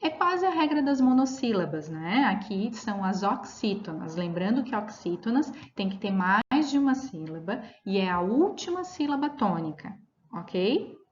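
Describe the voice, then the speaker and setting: A woman teacher explaining grammar rules in a recorded lesson, reading example words slowly and checking in with her students as she goes. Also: medium pitch, sing-song, slight background noise. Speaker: Portuguese teacher. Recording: roomy, dull lo-fi audio.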